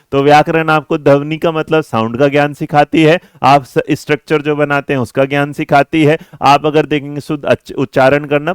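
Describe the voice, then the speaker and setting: A man's voice: on the high side, clean tone, no room sound, studio quality. A man from India teaching an online exam-prep class in a playful, teasing way, calling his viewers his children.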